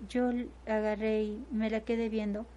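A woman's voice: fairly high pitch, little pitch movement, moderate pace, warm tone, a little hiss or hum. A middle-aged woman, a mother recounting events at length in an interview, stringing her story together with repeated phrases. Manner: retells events in long chains, often repeating "agarré y". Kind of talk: personal testimony in conversation.

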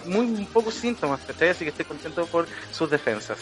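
A man's voice: on the high side, lively intonation, fast talker, a bit bright, soft background music. A man in his thirties with a Chilean accent, chatting casually as a podcast co-host. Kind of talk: casual chat.

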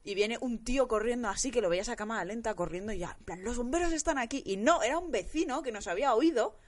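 Fast-talking woman from Spain telling a story. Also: on the high side. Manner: animated, acts out quoted voices. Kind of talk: casual chat storytelling.

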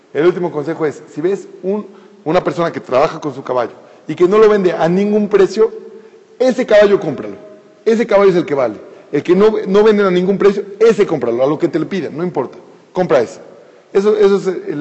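A man's voice: fairly high pitch, fast. Man telling a sermon story. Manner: animated storyteller, addresses listeners directly. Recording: dull sound with long hall reverb.

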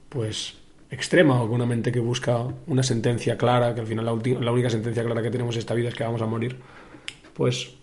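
Young male podcast host from Spain, reflective monologue, even and flat, mid pitch, halting with fillers. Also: a little hiss or hum. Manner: thoughtful, many pauses and fillers, addresses the listener.

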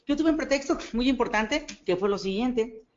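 Animated Mexican woman telling stories. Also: a little high, normal speed. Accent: Mexican Spanish. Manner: animated storytelling, acts out dialogue, asks listeners for agreement. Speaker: network marketing speaker. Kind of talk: motivational talk. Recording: dull lo-fi recording.

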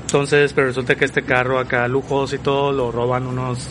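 A man's voice: mid-range voice, flat delivery, brisk, fairly bright tone. A man with a Mexican accent explaining things informally and meanderingly as a podcast panelist. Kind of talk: casual film synopsis in conversation. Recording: noisy outdoor city ambience.

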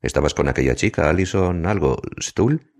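A man's voice: low-pitched, animated, normal speed, darkish tone, voice pushed up. Man voicing a spoiled Spanish socialite woman. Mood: gossipy.

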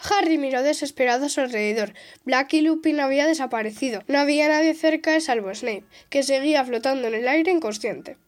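Brief: female reader, high voice, steady and careful storybook reading. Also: fairly quick. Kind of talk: reading a novel aloud.

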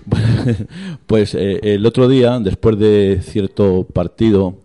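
A middle-aged man with a lowish, warm voice takes things slowly as a radio guest. He's chatty and teasing, passing along gossip with lots of hesitant restarts in a joking on-air chat.

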